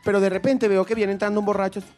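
A Venezuelan man tells short jokes in a chatty, mincing way, his voice pitched high for a man. His delivery is fussy and full of little asides, in the tone of a casual joke teller. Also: flat delivery, rapid-fire, darkish tone, soft background music. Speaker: comedian telling a joke.

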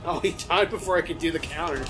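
A young man with a fairly high voice talks fast while playing a video game, giving casual let's-play commentary and swearing when things get frustrating. Game music plays in the background, and the recording quality is low.

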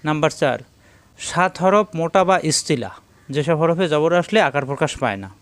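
A man teaching a Quran reading lesson, counting through the rules and slowly repeating each letter sound. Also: on the high side, lively intonation, clean tone, no echo. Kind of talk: step-by-step recitation lesson.

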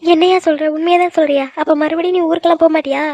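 A woman's voice: extremely high pitch, steady tone, rapid-fire, mellow, no room sound. A woman voicing an emotional middle-aged village mother in a cartoon, scolding her daughter and doting on her son. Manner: scolding, then tearful and doting. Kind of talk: cartoon voice acting.

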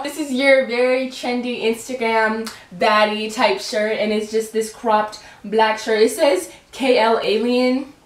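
A woman's voice: fairly high pitch, reverberant. A young woman chatting casually through a clothing try-on haul, giggly and often stumbling over her words. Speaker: vlogger.

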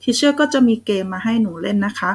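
A woman's voice: medium pitch, fast, poor audio. A young Thai woman teaching children English phonics, sounding out letters one at a time and praising them. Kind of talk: slow, patient phonics lesson for kids.

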